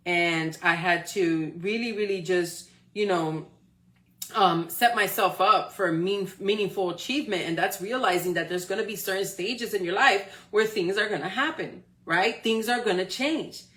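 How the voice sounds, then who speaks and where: A woman's voice: mid-range voice, moderate pace, a bit bright. A woman in her forties giving an encouraging motivational talk on a live stream, often checking in with her listeners. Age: 40s. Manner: encouraging, checks in with frequent "okay?" and "right?". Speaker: motivational speaker.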